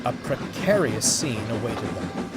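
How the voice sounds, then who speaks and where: A man's voice: on the low side, very animated, measured pace, heavy background noise. A man reading scripted narration for a children's story as the narrator. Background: music.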